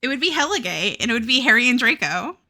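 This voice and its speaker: On a live stream where she's drawing, a young woman with a Southern accent from the US rambles along casually, often swearing and laughing. She talks fast and very animatedly, in a slightly high, bright voice with a forceful tone.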